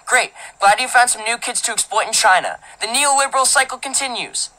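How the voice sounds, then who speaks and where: A woman's voice: a little high, fairly quick, sharp tone, voice pushed up, rough recording. A woman voicing a preachy middle-aged mother who moralizes sarcastically, within an audiobook reading. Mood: sarcastic.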